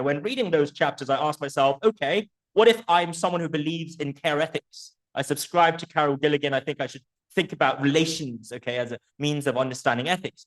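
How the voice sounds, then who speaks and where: A man whose voice sits a little high presents an academic book talk, articulate and erudite, often checking in with listeners and posing rhetorical questions. The audio is poor.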